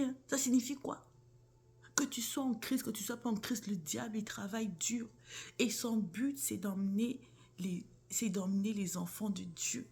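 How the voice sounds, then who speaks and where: A woman's voice: a little high, creaky, warm tone. A woman giving a casual, earnest faith talk straight to her viewers, calling them sister or brother and often dropping into a near whisper. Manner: earnest, addresses listener as sister or bro.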